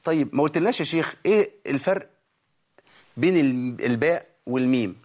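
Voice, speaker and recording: Quick-talking Egyptian man teaching recitation. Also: fairly high pitch, expressive. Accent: Egyptian Arabic. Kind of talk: spoken Tajweed lesson.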